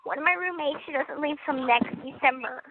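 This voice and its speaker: A woman's voice: high voice, brisk. A young woman calling from prison, chatting casually and giggling, with lots of "like" and "um". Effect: prison phone line. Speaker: inmate on a phone call. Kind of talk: casual phone chat. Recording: tinny phone line with faint noise.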